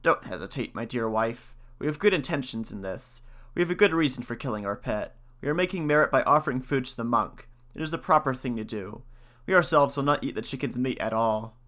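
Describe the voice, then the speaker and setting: A man voicing an unconcerned old husband who consoles his wife calmly in a storybook reading. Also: mid-range voice, a little fast, lightly acted. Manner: calm, consoling. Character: calm, reassuring old husband.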